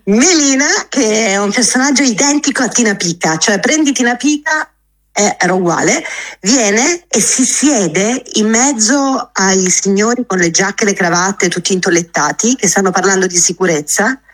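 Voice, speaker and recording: A woman's voice: medium pitch, expressive, normal speed. A woman calling in over a phone on speakerphone, telling an anecdote in a chatty way with fillers and restarts. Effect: heard over a phone on speakerphone. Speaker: phone-in guest. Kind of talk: casual anecdote told on air.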